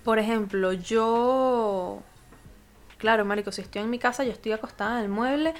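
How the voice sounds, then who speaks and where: A young Venezuelan woman co-hosting a casual podcast chat. She talks in an easy, slangy, animated storytelling way. Her voice sits a little high for a woman. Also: moderate pace. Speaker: podcast co-host.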